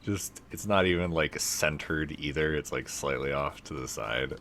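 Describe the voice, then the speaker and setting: Laid-back male let's play host, very deep yet bright voice with gravelly edge, chatting casually through a game. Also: moderate pace, slight background noise. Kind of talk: casual gameplay commentary.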